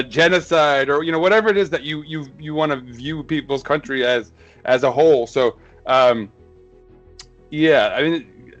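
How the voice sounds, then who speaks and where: Animated podcast host, laughs often. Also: male voice, on the high side, highs cut off. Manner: animated, laughs often, swearing, many fillers. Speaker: podcast host and English teacher. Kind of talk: casual podcast chat.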